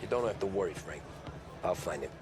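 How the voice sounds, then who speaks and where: An actor playing a laid-back young mob driver with a wry, dry wit. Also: male voice, low-pitched, animated, a little fast, noisy background. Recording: game soundtrack music behind.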